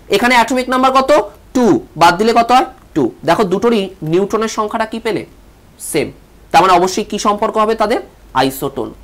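A man's voice: very high-pitched, a bit bright. A man teaching a televised online class, stressing syllables and repeating key words, asking questions and answering them himself.

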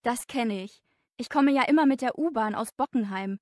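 A woman's voice: on the high side, moderate pace, no echo, studio quality. A woman reading a coworker's lines in a scripted lesson dialogue, friendly and chatty. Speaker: office worker in a dialogue.

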